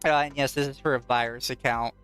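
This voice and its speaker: This podcast co-host has a medium-pitched, resonant voice and talks fast and clearly in a steady tone. In casual chat he often reads aloud, mocking and swearing and laughing easily. Soft music plays in the background.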